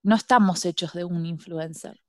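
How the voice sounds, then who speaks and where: A woman's voice: lowish voice, normal speed, no room sound. Playful Rioplatense woman, dry sound. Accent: Rioplatense Spanish. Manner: playful, giggly, stubborn. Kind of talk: comic role-play chat.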